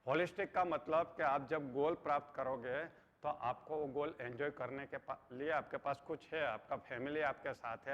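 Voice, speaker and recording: A man's voice: mid-range voice, fairly bright tone. A middle-aged man giving an earnest motivational lecture, mixing English phrases into his talk. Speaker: motivational trainer. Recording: dull sound with long hall reverb.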